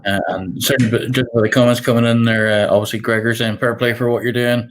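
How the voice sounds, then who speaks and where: A man's voice: mid-range voice, fairly even intonation, fast. A man from County Fermanagh with a Northern Irish accent, co-hosting a casual live chat and reading out comments. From County Fermanagh, Northern Ireland. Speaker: show co-host.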